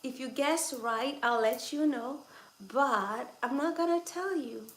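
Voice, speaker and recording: Speaking slowly in a high voice, this woman, an adult past twenty-six, runs a laid-back home livestream where she chats, teases her viewers, and laughs a lot. Faint background noise and echo fill the room.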